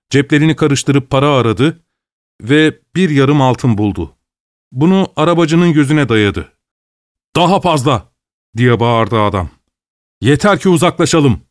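A man narrating a story as an audiobook, in a steady, even manner. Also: medium pitch, dry recording, clean studio sound.

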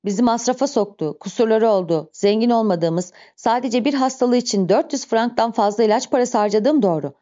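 A woman's voice: a little high, brisk, few pauses, dark tone, close to an everyday voice. A woman reading a sly, fawning male innkeeper. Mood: falsely earnest. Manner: smooth, falsely earnest. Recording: dull lo-fi recording.

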